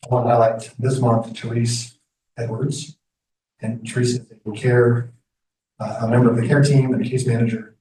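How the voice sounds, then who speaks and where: Man, staff representative, informal report, flat mellow voice, distant mic, roomy noisy sound. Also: medium pitch, normal speed. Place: indoor meeting room. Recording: echoey meeting room, distant mic, background noise.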